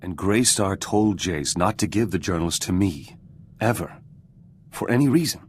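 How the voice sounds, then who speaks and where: This low-pitched male performer voices a hard, vengeful former resistance fighter now in politics for a video game, with lively intonation at a moderate pace. His lines come out terse and guarded, clipped into fragments that drop words, and there's slight background noise.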